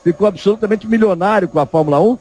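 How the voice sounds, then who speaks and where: A man's voice: high voice, fast. A man with a Brazilian accent giving live television commentary as a motorsport commentator, calling a race. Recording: loud engine noise behind commentary.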